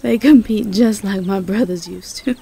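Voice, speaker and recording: In a roleplay audio drama, a woman with a Southern US accent plays a tender Southern belle girlfriend who's easily overwhelmed. Her mid-range voice is soft, breathy and halting, repeating words, and she sounds amused and touched.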